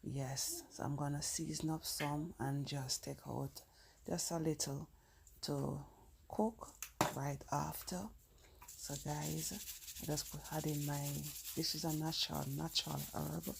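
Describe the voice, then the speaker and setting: A woman with a Jamaican accent talks casually through kitchen tasks in a low, gravelly voice. She explains step by step, often repeating herself. Loud noise from a home kitchen runs behind her voice. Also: steady tone, a little slow. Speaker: home cooking vlogger. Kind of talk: casual cooking narration while working. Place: indoor home kitchen at counter and sink. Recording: noisy home kitchen recording with handling sounds.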